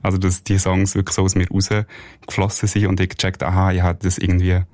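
A Swiss German man talks about his music on the radio in a reflective, halting way. His voice is very deep and quite flat in its melody, and the studio sound is close and dry. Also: no room sound. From Switzerland. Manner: reflective, hesitant, laughs softly. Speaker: musician guest. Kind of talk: radio interview.

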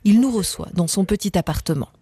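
A woman reporter narrates a television news segment and questions her interviewees. Her tone is mellow and warm, at an ordinary pitch. She speaks in a measured, composed way.

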